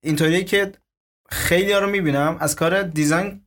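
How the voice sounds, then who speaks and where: A man on a casual podcast chat, earnest and inquisitive, firing off quick questions. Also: on the high side, steady tone, a bit bright. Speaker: podcast guest.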